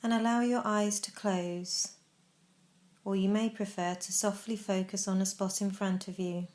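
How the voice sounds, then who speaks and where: A woman guiding a body scan meditation, speaking calmly with slow, measured pauses. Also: mid-range voice. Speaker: mindfulness guide. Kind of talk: guided meditation instruction.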